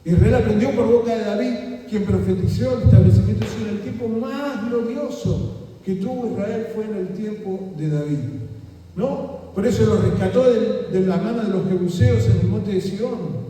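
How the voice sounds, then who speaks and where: A man's voice: high voice, normal speed, mellow, a little hiss or hum. A man preaching a sermon, asking the congregation rhetorical questions and quoting scripture. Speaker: pastor. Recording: echoey hall from far off.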